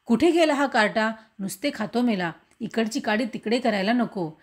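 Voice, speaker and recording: A woman voicing a harried village mother who scolds her son in a sharp, raised voice. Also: fairly high pitch, lively intonation, normal speed, breathy edge. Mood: angry scolding.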